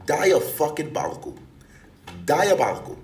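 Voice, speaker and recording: A man's voice: a little high, very animated, measured pace, a little mellow. A man delivering heated, profane commentary, emphatic and fired up. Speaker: online commentator. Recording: roomy, distant mic.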